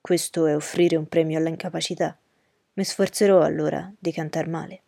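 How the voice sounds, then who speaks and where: A woman reading aloud and voicing a brooding gentleman of the manor who answers with slow, courteous irony. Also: deep voice, fairly even intonation, vocal fry, no room sound, studio quality, pitched below the performer's own voice. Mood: ironic. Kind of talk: audiobook character reading.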